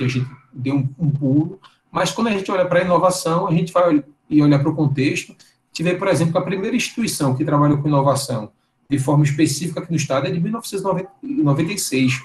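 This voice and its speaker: A man's voice: on the high side, a little mellow, reverberant, poor audio. A Brazilian man in his thirties giving an online lecture over slides on a video call, talking in a conversational way with many fillers and tag questions. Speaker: guest lecturer. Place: indoor room. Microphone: webcam on a video call.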